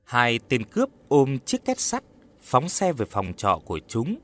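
Slow, dramatic male horror storyteller. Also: medium pitch, huge pitch swings, a bit bright, slight background noise. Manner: measured, dramatic. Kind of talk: scripted horror narration.

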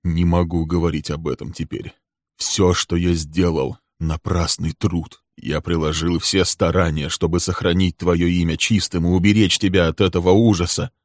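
A man voicing a calm, cold man with a dark secret, speaking slowly and evenly. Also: sits low, no room sound, clean studio sound.

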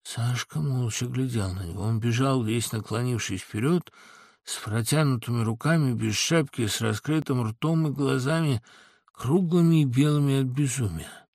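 A man reading a literary audiobook in a recording studio, with dramatic, expressive storytelling. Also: medium pitch, normal speed, breathy edge, dry recording. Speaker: audiobook reader. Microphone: studio mic.

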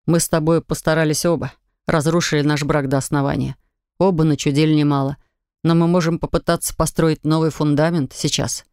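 A woman voicing a troubled husband, an investigator, who speaks in a soft, coaxing and pained way. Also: deep voice, steady tone, a little fast, clear, resonant tone, no echo, studio quality, natural voice. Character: troubled husband, an investigator, gentle but wounded.

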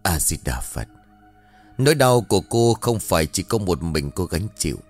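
A man voicing a solemn old Buddhist monk who speaks in a low, calm, admonishing way. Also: moderate pace, soft background music. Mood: pleading.

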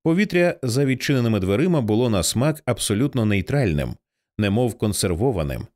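Audiobook narrator: male, lowish voice, animated, measured delivery. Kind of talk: scripted narration.

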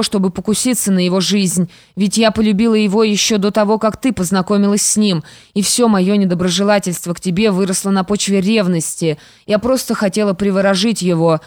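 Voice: mid-range voice, dry recording, clean studio sound, lightly acted. An audiobook reader voicing a once-proud stepmother who now speaks bitterly and pleads.

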